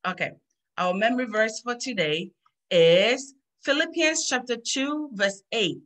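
Bright-voiced woman hosting kids' class. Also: a little high, a little slow. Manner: warm, upbeat, repeats phrases to children. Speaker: children's Sunday school host. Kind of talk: teaching kids over video call. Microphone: video call.

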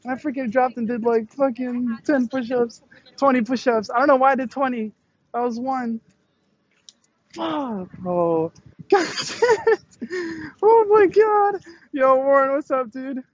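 A young man live-streaming outdoors on a college campus from a selfie stick, excitable and slangy, laughing often and swearing, out of breath and sweaty after push-ups. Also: very high-pitched, moderate pace, no echo, muffled recording. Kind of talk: casual live-stream chat. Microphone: selfie stick tripod.

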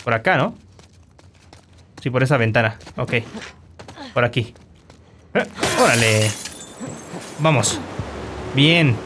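A man commentating his own gameplay, animated and quick to shout insults at enemies. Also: medium pitch, noisy background. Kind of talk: let's play commentary.

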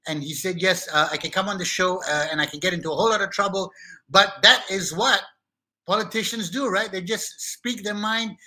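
A man's voice: sits high, brisk, bright, forceful tone. A middle-aged Malaysian man hosting a live-streamed talk show from home, chatty and playful, switching between English and Malay.

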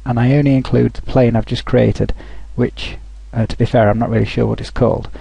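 A man talking through a software tutorial over a screen recording, thinking aloud with frequent restarts. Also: medium pitch, little pitch movement, fairly quick, vocal fry, breathy edge, no echo, low-quality recording.

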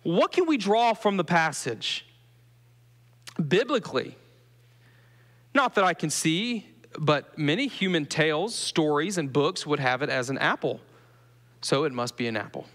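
With big pitch swings, a slightly bright high voice and frequent pauses, a Southern US pastor preaches unhurriedly and conversationally, putting questions to his congregation. The sanctuary gives his sermon a long, lingering reverb.

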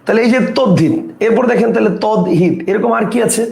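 A man teaching a grammar lesson, explaining step by step and often asking whether the point is clear. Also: high-pitched, lively intonation, a little fast, a little mellow, reverberant.

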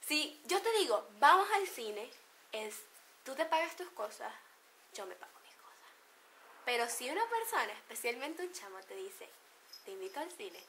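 Venezuelan woman vlogger, slightly high, sharp bright tone, teasing and chatty. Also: slight background noise. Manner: playful, laughs often, acts out slang examples. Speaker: beauty vlogger. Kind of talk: casual chat to camera.

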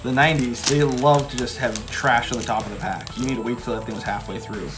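A man's voice: medium pitch, steady tone, fast talker, music in the background. A man co-hosting a card-collecting show, chatting casually and naming cards as he flips them. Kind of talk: casual chat while opening packs.

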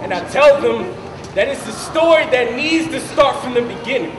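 A young man performing spoken word poetry with a dramatic delivery that rises to shouts. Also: very high voice, expressive, normal speed. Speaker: slam poet. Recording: echoey from far off, loud crowd. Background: loud crowd and noise.

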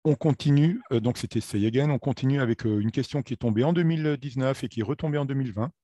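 A French-speaking man giving a video lesson on aviation, talking in a halting way with many fillers and self-corrections. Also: medium pitch, dark tone, no echo. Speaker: aviation theory instructor.

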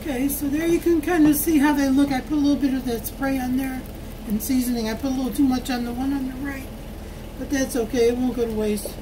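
Home cook woman, high voice, chatty cook-along, noisy phone recording in a kitchen. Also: steady tone, fast. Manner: chatty, homey, talks to viewers while cooking. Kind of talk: casual cook-along narration. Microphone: phone camera held while cooking.

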